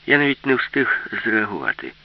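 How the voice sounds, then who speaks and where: A man's voice: lowish voice, big pitch swings, moderate pace, creaky, full character voice. A man voicing a sheepish young film crew member who explains himself awkwardly. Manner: awkward, apologetic. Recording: dull lo-fi recording.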